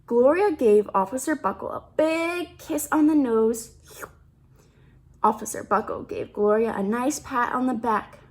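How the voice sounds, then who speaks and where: A woman's voice: on the high side, a little slow, darkish tone, breathy edge. A woman reading a picture book aloud to children, expressively, with simple asides and questions about the pictures.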